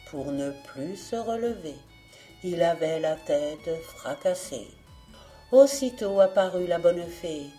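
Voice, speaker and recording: A woman narrating a fairy tale audiobook in a slow, unhurried storytelling voice. Her tone is mellow and fairly low for a woman, and soft instrumental music plays faintly behind her. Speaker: audiobook reader.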